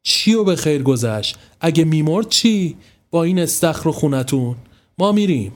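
A male narrator voicing a sharp-tongued, boastful middle-aged woman, slow and indignant, in a spoken horror story. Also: a little high, animated, pitched above the performer's own voice, natural voice. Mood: furious. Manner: indignant, showy, slow stressed delivery.

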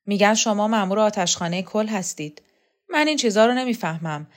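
A woman voicing a hoarse, defiant loyal man. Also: medium pitch, natural voice. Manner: blunt, defiant. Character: devoted, stubborn man, loyal follower.

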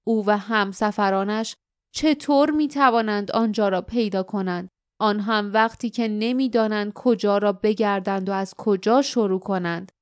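A woman narrating an audiobook in a clear, even reading voice. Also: medium pitch, dry recording, studio quality. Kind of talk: scripted narration.

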